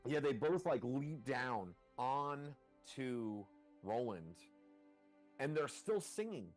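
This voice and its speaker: A man's voice: mid-range voice, very animated, slow pace, faint music behind. A man narrating and ruling as dungeon master in a tabletop game, talking loosely with lots of filler words. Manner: loose, rambling narration full of "like".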